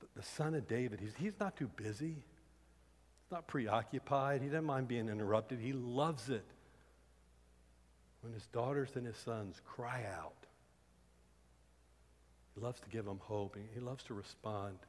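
Male pastor at the pulpit, soft then loud, long hall echo. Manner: swings from soft and low to loud, cries out quoted pleas. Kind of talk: sermon.

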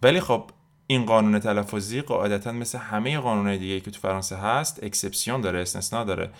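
Male language teacher, somewhat low voice; brisk explanations, drills examples slowly for repetition. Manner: quick explanations, then slow, carefully spaced example phrases; asks listeners to repeat after him. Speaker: French teacher. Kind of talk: recorded language lesson.

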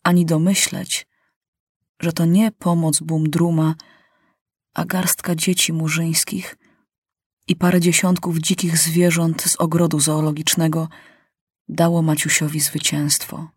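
Woman, audiobook narrator, slow dramatic pacing, husky low voice, dry close sound. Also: flat delivery, no echo. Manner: slow, measured, dramatic pauses.

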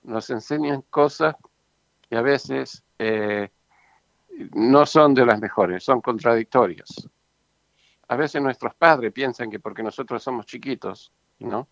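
A man's voice: mid-range voice, slow, vocal fry, dry recording. Earnest man on a dull recording. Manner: earnest, explanatory, many fillers and rhetorical tags. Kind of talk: casual discussion. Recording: dull lo-fi sound.

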